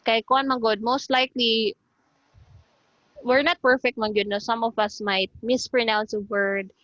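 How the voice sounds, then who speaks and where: A woman's voice: a little high, level tone, a little slow, fairly bright tone, no room sound, muffled recording. A woman teacher with a Cebuano Filipino accent giving an online class lecture over a video call. She switches between English and Cebuano and repeats sounds as she explains them.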